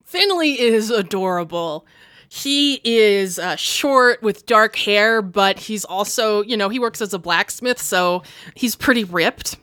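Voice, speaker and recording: A woman player chatting in character during a tabletop game, in a relaxed, chatty way. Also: mid-range voice, takes it slowly, no room sound, clean studio sound. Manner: relaxed, chatty, laughs often.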